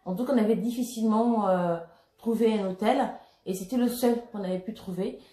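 A woman vlogger chatting casually and excitably while unboxing skincare products, laughing often and using many fillers. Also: medium pitch, brisk. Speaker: beauty vlogger. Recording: echoey room.

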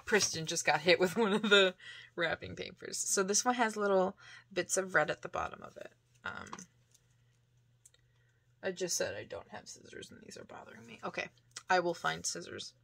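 A woman chatting casually to camera as she shows off a shopping haul, rambling with many fillers and laughs and now and then dropping into soft, breathy asides. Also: on the low side, lively intonation, normal speed. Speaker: vlogger showing a shopping haul.

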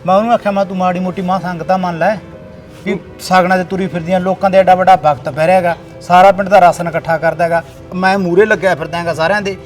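Bossy village son, played by a man, high voice, rapid talk. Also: fairly even intonation, faint music behind, natural voice. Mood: persuading. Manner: scolding, bossy. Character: grown village son organizing flood relief. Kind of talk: village short film acting.

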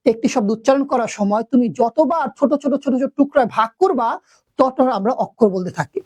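A young woman teacher giving a video lesson, asking her students questions and drawing out words slowly to count their syllables. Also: a little high, mellow, dry recording.

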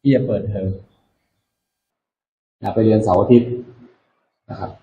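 A man's voice: on the low side, fairly even intonation, unhurried, creaky, slight background noise. A man speaking as a military officer to new recruits, instructive and emphatic, repeating his key points in a motivational orientation speech. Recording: echoey room, dull muffled sound.

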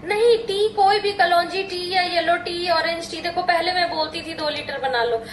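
Woman doctor-vlogger, middle-aged, very high, playful, roomy echo on the recording. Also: normal speed, a little hiss or hum. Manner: chatty, giggly, tells stories playfully. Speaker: doctor and vlogger answering live chat questions. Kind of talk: casual live chat.

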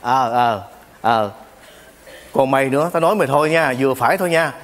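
An actor playing a teasing, easily exasperated man in a stage comedy sketch, full of loud exclamations. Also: medium pitch, a little fast, lightly acted. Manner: exclaims often, teasing banter.

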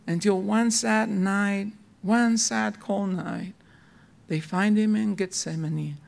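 A man's voice: high-pitched, takes it slowly, gravelly. Dramatic storytelling male preacher. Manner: dramatic storytelling, swings between loud and hushed; repeats words when excited. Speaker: pastor. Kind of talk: sermon.

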